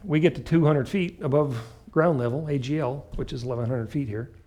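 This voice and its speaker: A man teaches flying in a mid-pitched voice. He explains procedures step by step, speaking in short, clipped phrases and leaning firmly on the key points. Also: brisk, warm tone. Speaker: flight instructor. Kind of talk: instructional talk with acted radio call examples.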